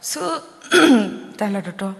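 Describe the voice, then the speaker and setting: A woman giving a sermon in a church, talking loosely with many pauses and fillers. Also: a little high, very animated, creaky. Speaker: preacher. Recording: long church reverb.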